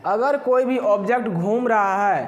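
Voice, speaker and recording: A man's voice: sits high, measured pace, muffled recording. A man teaching a physics class, who keeps asking the students questions and then answers them himself.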